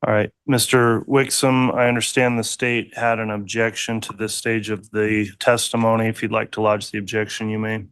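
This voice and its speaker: A man's voice: on the low side, level tone, moderate pace, few pauses, fairly bright tone, clean tone, dry recording. A man presiding as judge, speaking formally and steadily on a courtroom recording. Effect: courtroom audio feed. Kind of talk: courtroom proceedings.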